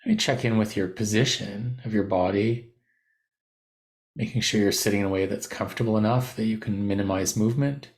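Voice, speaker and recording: A man with a lowish voice guides a body scan meditation in the manner of a teacher. His instructions come gently and without hurry, with pauses falling mid-phrase.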